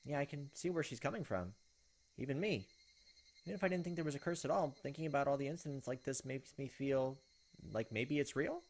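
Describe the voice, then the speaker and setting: A medium-pitched man speaks briskly while hosting a casual let's play, alternating between reading visual novel text aloud and sharing his own reactions.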